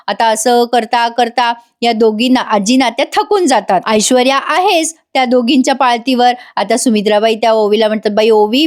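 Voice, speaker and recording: Female serial reviewer, slightly high voice, chatty voice-over recap, addresses viewers directly.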